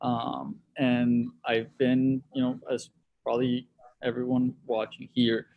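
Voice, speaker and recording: Man, measured and reflective, flat even delivery, video call audio. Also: mid-range voice, creaky, narrow, tinny audio. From Colombia. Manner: thoughtful, with frequent restarts and repeated words. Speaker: sports league executive guest. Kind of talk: reflective interview answers.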